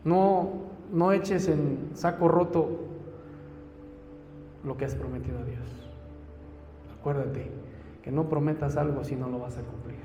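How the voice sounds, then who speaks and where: A Mexican pastor preaches to his congregation in an earnest, storytelling way, taking on the voices in his tale. His voice is mellow and a little high for a man. He is heard in a roomy church hall with a long reverb and a faint hum behind him. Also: steady tone, measured pace, long pauses, lo-fi sound, faint music behind. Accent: Mexican Spanish. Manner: earnest storytelling, acts out dialogue. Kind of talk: sermon with personal testimony.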